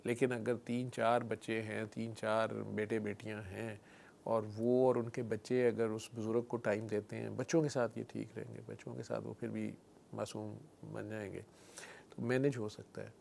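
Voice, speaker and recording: Gravelly doctor. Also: male voice, fairly low pitch, level tone, normal speed, darkish tone, slight background noise. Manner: storytelling, frequent "theek hai" check-ins, mixes in English terms. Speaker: doctor guest. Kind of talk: explanatory conversational interview.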